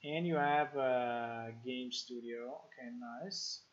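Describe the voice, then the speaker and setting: An Italian man with an Italian accent streams live while building a game, chatting casually and thinking out loud with lots of fillers and restarts. His voice is medium-pitched and slow, and the stream audio sounds dull and lo-fi.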